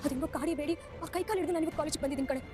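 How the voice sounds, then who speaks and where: A heartbroken young college girl, played by an actress, tearful and pleading. Her voice is high and she talks very fast, with music under it. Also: close to an everyday voice. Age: young adult. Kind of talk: TV serial acting. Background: background music score.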